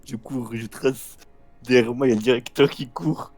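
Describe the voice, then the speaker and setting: Young man, casual streamer storytelling, stumbling restarts and acted-out voices, game music clearly behind him. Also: medium pitch, fairly even intonation, moderate pace, a little mellow, no echo.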